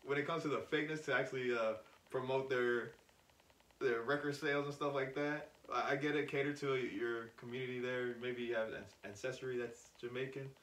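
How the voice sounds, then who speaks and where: A man's voice: mid-range voice, steady tone, fairly quick, fairly bright tone. A man co-hosting a podcast in casual chat, rambling and joking with filler words. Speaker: podcast co-host. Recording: echoey room, mic at a distance.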